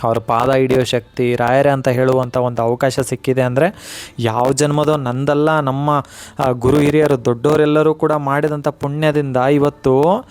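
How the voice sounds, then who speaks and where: A man's voice: medium pitch, darkish tone. A man giving a devotional motivational talk straight to the viewer, earnest and coaxing, repeating himself and asking for agreement.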